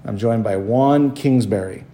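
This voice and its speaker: A man hosting a conversational podcast interview at home, feeling his way through sentences in a halting manner. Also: fairly low pitch, mellow. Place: home dining room.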